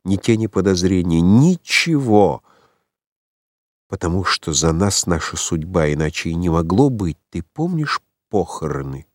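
A man reading the lines of a contented, tender woman in an audiobook, in a soft, lazy manner. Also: low-pitched, big pitch swings, measured pace, no room sound, studio quality.

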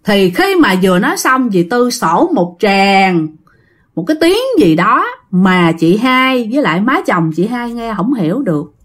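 A woman's voice: mid-range voice, very animated, a little slow. A woman telling a ghost story casually, chatty and speaking directly to her listeners.

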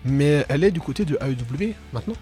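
A man's voice: on the high side, animated, fast, warm tone, soft background music. A man co-hosting a casual podcast chat, talking with many hesitations and fillers. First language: French. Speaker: podcast co-host.

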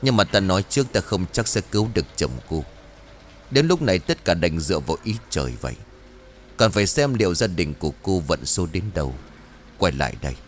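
A man voicing an old male ritual master who speaks in a slow, measured, solemn way. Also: sits low, big pitch swings, slight background noise, pitched below the performer's own voice. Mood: grave.

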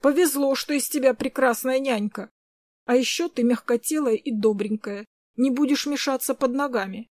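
A woman's voice: high voice, normal speed, a little mellow, no echo, clean studio sound, lightly acted. Woman reading a mocking, spiteful young woman, audiobook style. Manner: sneering, taunting.

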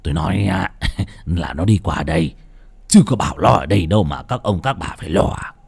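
Grave male exorcist, low, soft, unhurried, narrator voicing him. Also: lively intonation, gravelly, husky, dry recording, heavily acted. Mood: amused. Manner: slow, low, grave and hushed. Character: calm, grave male exorcist master, middle-aged.

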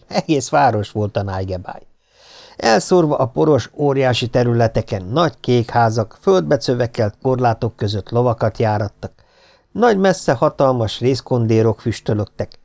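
Male audiobook narrator, lively expressive delivery, middle pitch.

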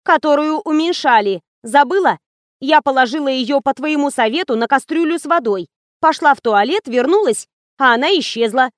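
A brash, irritable young office worker, put on by a woman reading aloud in an audiobook. She snaps and scolds in a raised, lively voice that jumps around a lot. The delivery is dry and close. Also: high-pitched, moderate pace, no room sound, voice pushed up. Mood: snappish. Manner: snappy, scolding.

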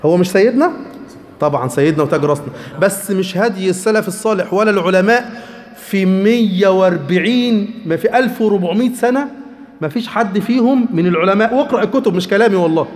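Egyptian religious teacher, male, high and fast, emphatic delivery, long hall reverb. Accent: Egyptian Arabic. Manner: emphatic, animated, acts out quoted speech. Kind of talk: lecture on hadith.

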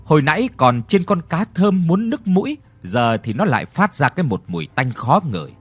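A man's voice: on the high side, normal speed, husky. A man telling a scripted ghost story and reading every role with expression. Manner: expressive reading of all roles.

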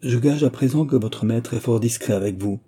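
A man's voice: medium pitch, fairly quick, dark tone, husky, natural voice. A man voicing a sly male lackey who gossips in a knowing, teasing way in an audiobook.

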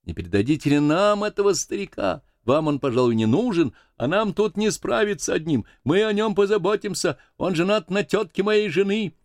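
A man voicing a brash, mocking fisherman calling out from a nearby boat in an audiobook, shouting across the water. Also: high voice, animated, normal speed, hardly any pauses, dry recording, clean studio sound, voice pushed up. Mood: pleading. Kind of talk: audiobook character voice.

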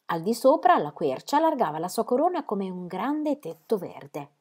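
A woman reading a children's story aloud in an expressive, lively way. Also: medium pitch, normal speed, husky. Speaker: reader.

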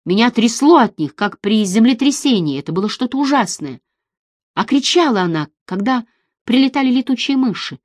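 A woman reading narration in an audiobook, with expressive delivery. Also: fairly high pitch, moderate pace, dry recording, clean studio sound. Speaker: audiobook reader.

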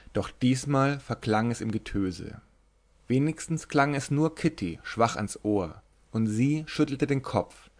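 A man reading a classic novel aloud in steady, measured literary narration. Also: medium pitch. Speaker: audiobook reader.

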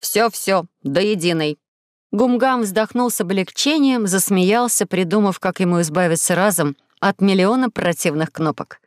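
A woman reading a children's audiobook as the narrator, telling the story clearly and evenly in a studio. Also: mid-range voice, moderate pace, few pauses, dry recording. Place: recording studio.

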